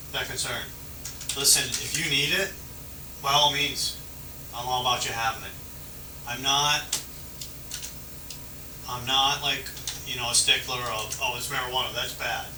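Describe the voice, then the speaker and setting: Here the officer's mid-range voice moves at a measured pace, broken by long pauses, as he chats with a detainee by the road and explains matters in a friendly, placating manner. Noise and room echo fill the distant-mic recording.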